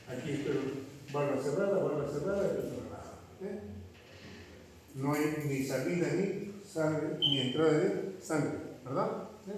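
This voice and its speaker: A man's voice: a little high, background noise. A man lecturing a class, questioning his students rhetorically and checking in with frequent "right?" tags. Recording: echoey classroom recorded from far off.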